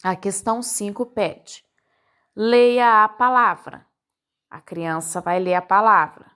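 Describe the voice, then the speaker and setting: A woman's voice: medium pitch, takes it slowly, fairly bright tone, clear, resonant tone. A woman teacher with a Brazilian accent, patiently walking parents through a worksheet step by step and checking in often. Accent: Brazilian Portuguese. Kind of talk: recorded lesson for parents.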